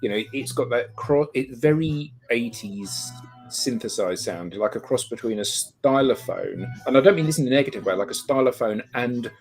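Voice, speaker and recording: A man's voice: mid-range voice, expressive, normal speed, darkish tone. A man co-hosting a laid-back chat about albums, picking his words thoughtfully. His voice sits mid-range, with faint music playing behind him. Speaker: podcast co-host.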